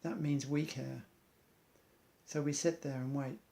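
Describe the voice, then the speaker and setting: Man, gravelly, steady and flat, earnest rhyming monologue. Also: medium pitch, a little slow. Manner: earnest, speaks in loose rhymes. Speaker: amateur athlete. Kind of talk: reciting an inspirational rhyming monologue.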